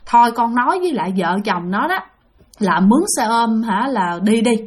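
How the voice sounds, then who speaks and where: A woman's voice: on the high side, expressive, normal speed, slightly rough. A woman with a Southern Vietnamese accent voicing a worried elderly mother, pleading anxiously.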